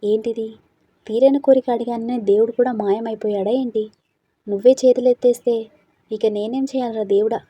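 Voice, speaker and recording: A woman's voice: on the high side, fairly even intonation, normal speed, breathy edge, dry recording, highs cut off. A woman voicing an easygoing, talkative young man who teases and chats in a storybook reading. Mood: teasing. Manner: teasing, chatty.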